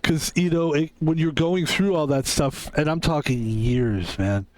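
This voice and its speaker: A man's voice: on the high side, a little slow, darkish tone, no echo. Fifty-something man streaming, rambling and reflective. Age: 50s. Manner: rambling, reflective, self-correcting. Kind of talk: casual chat while gaming.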